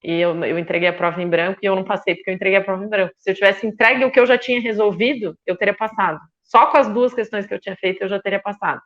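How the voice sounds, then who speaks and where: A woman's voice: mid-range voice, fairly even intonation, racing, hardly any pauses, dull audio. A Brazilian woman in her fifties, a feminist union leader speaking as a panel guest, emphatic and indignant, repeating words for force. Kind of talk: impassioned panel discussion.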